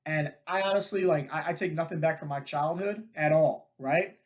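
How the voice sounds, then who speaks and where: A man hosting a fitness coaching podcast, telling stories in an energetic, casual way and often checking in with "right?". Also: fairly high pitch, normal speed. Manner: energetic, talks to listeners with frequent "right?" and "like" fillers. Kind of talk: casual storytelling monologue.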